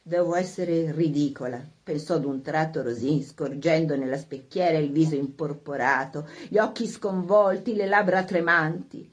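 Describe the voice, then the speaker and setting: A woman narrating an audiobook in a measured, expressive reading. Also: deep voice.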